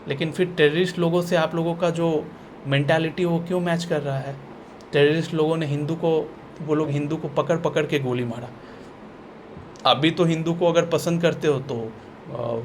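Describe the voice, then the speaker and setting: A man's voice: fairly high pitch, slight background noise. A man talking in a blunt, sarcastic ranting style, often repeating himself and restarting sentences, as a vlogger. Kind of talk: ranting opinion vlog.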